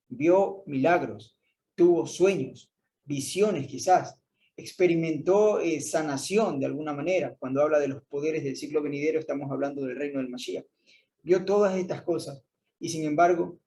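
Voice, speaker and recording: A man's voice: fairly high pitch, darkish tone, a little hiss or hum. A man teaching a verse-by-verse Bible study, explaining the text and repeating its key phrases.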